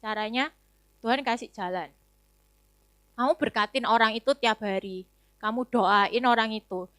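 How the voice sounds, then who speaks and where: A woman's voice: fairly high pitch, moderate pace, a bit bright, dry recording, studio quality. A young adult woman giving a chatty, conversational sermon testimony at a youth service, full of casual fillers. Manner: chatty, casual, many fillers and tag words.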